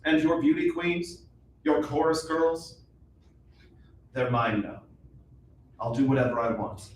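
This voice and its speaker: A man's voice: mid-range voice, lively intonation, slow pace, a little hiss or hum. An actor playing an arrogant, hot-tempered young king in a stage reading, barking orders with contempt. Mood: domineering. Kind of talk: stage reading of a musical play. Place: theater stage. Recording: very echoey hall, mic far off.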